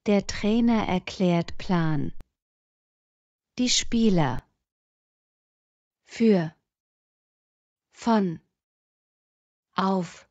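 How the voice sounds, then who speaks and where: A woman slowly reading short sentence parts and single words aloud for language learners. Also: mid-range voice, expressive, a little mellow, dry recording, dull audio. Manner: reads single words and short fragments one by one.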